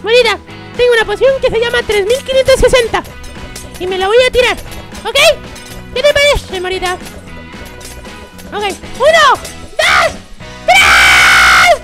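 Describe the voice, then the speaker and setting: A woman chatting in a playful Minecraft role-play, excitable and calling out insistently. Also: very high-pitched, a little fast, long pauses, over music.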